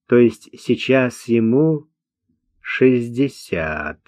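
A man voicing a calm, patient man who questions a witness firmly, in an audiobook. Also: medium pitch, no echo. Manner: measured, firm, patient. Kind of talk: audiobook character voice. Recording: dull dry lo-fi recording.

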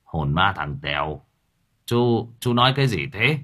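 A man's voice: low voice, very animated, unhurried, sharp tone, full character voice. A man voicing a stern older village head who speaks in a firm, questioning way.

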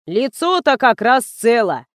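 Woman voicing a blunt male general, slow, matter-of-fact, audiobook. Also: on the high side, sing-song, no room sound, studio quality.

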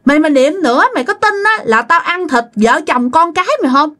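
A woman's voice: animated, brisk, pushed and bright. A woman with a Southern Vietnamese accent voicing a vicious, mocking female ghost in a spoken ghost story. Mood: menacing. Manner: shrill, jeering and threatening.

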